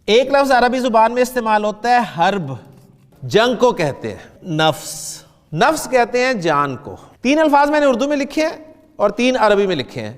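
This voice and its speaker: A man's voice: very high-pitched, sing-song, big-room sound. A man teaching a beginners' grammar lesson, patiently explaining step by step and asking the class questions.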